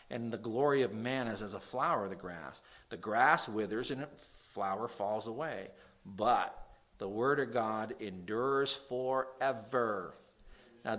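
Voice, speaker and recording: A pastor with a nasal, lowish voice preaches a sermon, reading scripture aloud. He swings between loud emphasis and quiet asides and stutters now and then.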